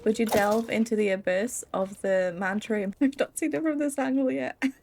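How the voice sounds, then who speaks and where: A tired young woman, a Minecraft let's play creator, gives casual gameplay commentary on a building game, rambling loosely, giggling often and joking at her own expense. Her voice is a little high for a woman, brisk and a little mellow, with no echo.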